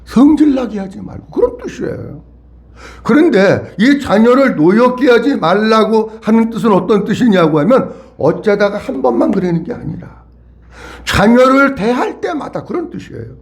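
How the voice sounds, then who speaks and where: A male pastor delivers a sermon in a high, lively voice that leaps up and down in pitch. He preaches with animated force and draws the congregation into call-and-response. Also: a little slow.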